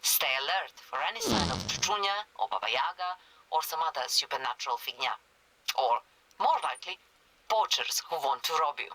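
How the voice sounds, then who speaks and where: A game radio handler: calm, businesslike briefing, slightly high, bright tone. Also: male voice, fairly quick, exaggerated voice, rough recording. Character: male radio contact giving a hunter orders. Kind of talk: scripted game dialogue.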